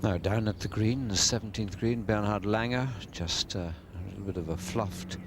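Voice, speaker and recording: A man's voice: lowish voice, moderate pace. A man giving descriptive live golf commentary in an understated, conversational way. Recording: noisy outdoor sports broadcast.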